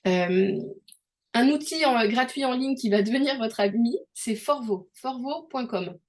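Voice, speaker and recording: A woman's voice: a little high, a little slow. A young French woman co-hosting a podcast, giving casual advice in a chatty way with many fillers and restarts. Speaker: podcast co-host.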